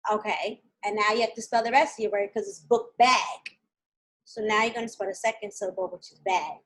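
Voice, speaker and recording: A woman teaching a live online kindergarten lesson, patient and clear, speaking slowly to young children over a video call. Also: mid-range voice, fairly even intonation, fairly bright tone, low-quality recording.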